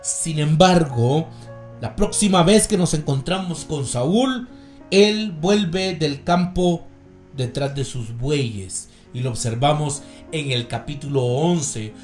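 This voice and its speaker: A man with a Guatemalan Spanish accent delivers a sermon at an unhurried, deliberate pace, his voice sitting somewhat high. He reads scripture and explains it, often turning to his listeners as brothers. The sound is roomy and echoing, with a faint guitar playing behind him. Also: darkish tone. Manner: slow, measured preaching, often addressing listeners as brothers. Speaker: preacher.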